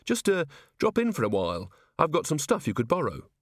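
A man's voice: on the high side, huge pitch swings, brisk, no room sound, pitched above the performer's own voice. A man voicing a frank, dry-witted young policewoman in a lightly raised, matter-of-fact voice. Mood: wry, frank.

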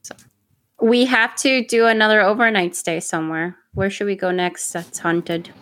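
A woman's voice: medium pitch, steady tone, moderate pace, a bit bright, no room sound. A woman co-hosting a podcast, rambling in casual chat and swearing freely. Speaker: podcast co-host.

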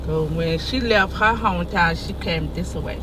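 A middle-aged Florida woman, a passenger being interviewed in a car, chats casually in a folksy Southern Florida drawl, repeating phrases as she rambles. Her voice is on the low side at a moderate pace. Road noise from the moving vehicle fills the recording.

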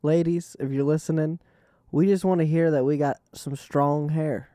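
A man's voice: a little high, steady tone, normal speed, warm tone, no room sound, clean studio sound. A man hosting a podcast in a casual, rambling chat, laughing often and swearing freely. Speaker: podcast host.

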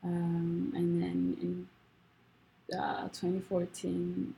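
Here a hesitant young woman from Rwanda, a college student and non-native English speaker, talks casually as a guest. Her low, gravelly voice is unhurried and monotone, soft-spoken with many fillers and restarts. Faint music sits behind the rough recording.

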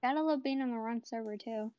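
A woman's voice: fairly high pitch, brisk, mellow, smooth, no echo, lo-fi sound. A woman co-hosting a podcast from home, chatting easily with short agreeing replies over an online voice call. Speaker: podcast co-host. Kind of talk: casual podcast chat.

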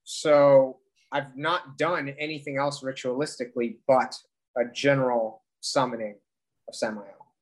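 A man speaking as a podcast guest in casual interview chat, haltingly thinking aloud as he explains. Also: medium pitch, fairly even intonation, low-quality recording. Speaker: podcast guest, occult practitioner.

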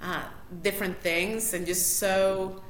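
A woman from Mexico City, a matchmaker, chats with a Mexican Spanish accent as a guest in a casual interview. She speaks slowly in a steady, mid-range voice, laughs often and keeps restarting her sentences. Faint noise can be heard in the echoey room.

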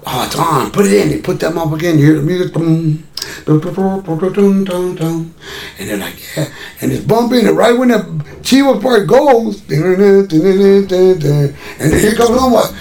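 A man tells a story in loose, profane chat and acts out the voices of the people in it. His voice sits fairly high and has a gravelly edge. He is picked up from a distance in an echoey room. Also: animated, normal speed, darkish tone. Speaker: musician telling a story. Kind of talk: casual storytelling.

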